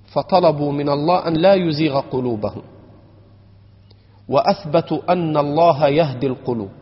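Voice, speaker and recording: A man giving a religious lecture, speaking in a measured way and slowing down to recite verses and correct pronunciation. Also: a little high, slightly rough. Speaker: religious teacher. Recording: dull lo-fi recording with long hall reverb.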